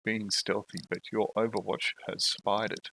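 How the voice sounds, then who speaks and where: Gravelly-voiced man running a tabletop game. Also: on the low side, normal speed, no room sound, low-quality recording. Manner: relaxed, describing scenes and rules. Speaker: game master.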